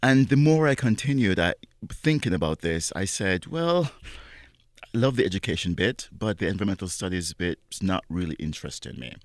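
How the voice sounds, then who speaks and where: A man's voice: low voice, expressive, normal speed, no echo. A man in his forties from Jamaica, speaking earnestly and reflectively as an interview guest. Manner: earnest, reflective, laughs between thoughts. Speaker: interview guest, dancer and teacher. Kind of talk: conversational interview.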